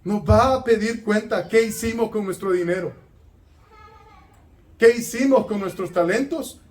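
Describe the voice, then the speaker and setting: A male pastor with a Honduran Spanish accent preaching an animated, emphatic sermon with touches of humor. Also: sits high, unhurried, distant mic.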